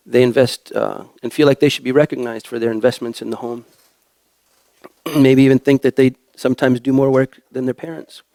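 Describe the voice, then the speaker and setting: A young adult man preaching a church sermon in a halting way, with many fillers and restarts. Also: medium pitch, a little mellow, no echo.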